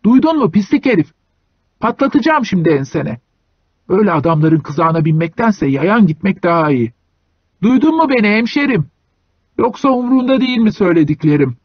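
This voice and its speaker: A man voicing an impatient, abusive hunchbacked young man who shouts insults in a trembling voice. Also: big pitch swings, brisk, breathy edge, no room sound, lo-fi sound, exaggerated voice. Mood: yelling, mocking. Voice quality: trembling, shrill.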